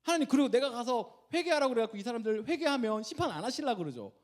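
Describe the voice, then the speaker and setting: A man's voice: very high-pitched, very animated, quick pace, pitched above the performer's own voice. A pastor voicing an indignant male prophet who protests and complains in a whiny tone.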